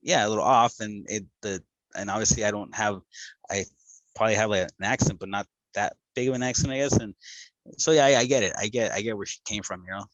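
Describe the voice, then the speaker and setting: Low voiced la guy rambling through a story on a podcast, dry close sound. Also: fast talker, fairly bright tone, no room sound, poor audio. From Los Angeles. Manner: rambling storyteller, many restarts and fillers. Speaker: podcast co-host. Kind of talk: casual podcast chat.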